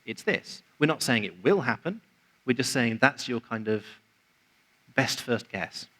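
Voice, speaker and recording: Speaking at a conference venue, this man explains things conversationally and acts out other people's remarks in quoted asides. His medium-pitched voice sounds animated and sharp, a little slow, over a rough recording.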